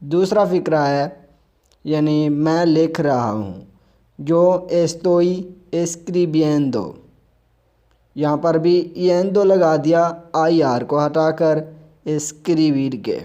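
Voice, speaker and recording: A man's voice: a little high, slow pace, dark tone. A man with an Urdu accent teaching a spoken language lesson, spelling out letters and repeating example sentences.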